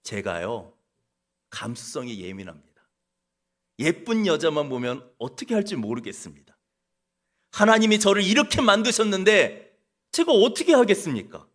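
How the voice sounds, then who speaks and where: A preacher acting out an indignant ancient king who shouts and makes excuses. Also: on the high side, huge pitch swings, moderate pace, long pauses, exaggerated voice. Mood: self-pitying excuses. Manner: shouting, indignant, self-justifying. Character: King David, furious then full of excuses.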